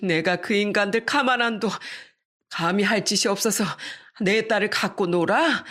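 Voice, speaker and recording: A woman voicing a fiercely protective older mother who shouts in fury at her daughter's in-laws. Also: medium pitch, moderate pace, lightly acted. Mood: tearful. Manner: shouting, furious.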